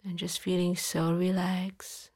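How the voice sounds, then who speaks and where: Female meditation guide: soft, calm, slightly low and very even, unhurried, partly whispered. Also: slightly rough. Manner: slow, soft, calm with long pauses. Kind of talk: guided body-scan relaxation.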